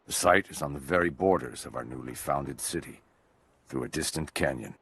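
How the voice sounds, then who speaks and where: A man's voice: extremely low pitch, moderate pace, a bit bright, husky, full character voice. An actor playing a solemn, proud male overseer, speaking formally and stately. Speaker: game character, founder overseer. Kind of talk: formal journal narration.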